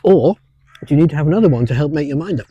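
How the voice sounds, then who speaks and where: Podcast co-host, man, teasing banter, animated delivery. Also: a little high, racing, husky, lo-fi sound. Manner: playful, teasing, chuckles often. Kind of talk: casual chat.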